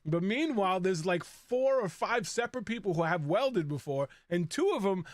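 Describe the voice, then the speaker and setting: A man's voice: high voice, lively intonation, normal speed, no echo, studio quality. A man co-hosting a casual recap show, talking in a chatty way and laughing often mid-sentence. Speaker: podcast co-host.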